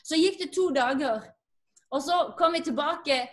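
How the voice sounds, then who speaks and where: A woman's voice: high voice, fairly bright tone. A woman, a guest earnestly telling a personal faith story and acting out the dialogue.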